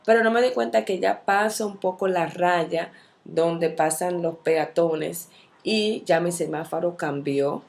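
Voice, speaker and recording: A woman teaching a Bible study, telling a personal story in a candid, expressive way and acting out the dialogue as she goes. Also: fairly low pitch, measured pace, creaky. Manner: candid, self-reflective.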